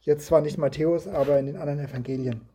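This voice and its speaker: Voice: mid-range voice, fast, dark tone, a little hiss or hum. A preacher giving a sermon indoors in a house, reading scripture and asking the listeners reflective questions.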